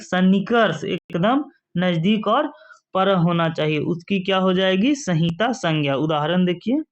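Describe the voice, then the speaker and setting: A teacher giving a grammar lesson for exam preparation, who asks the class questions and then answers them himself. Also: medium pitch. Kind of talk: exam-prep lesson explaining rules. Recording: dull lo-fi sound.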